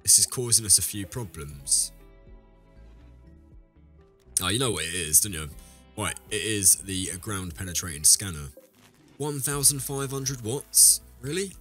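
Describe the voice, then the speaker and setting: A man's voice: on the low side, animated, normal speed, bright, forceful tone, faint music behind. A man, audibly ill, chatting casually through a game and rambling with self-corrections as he addresses viewers. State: ill, deeper voice than usual. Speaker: let's play host. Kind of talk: casual gameplay commentary.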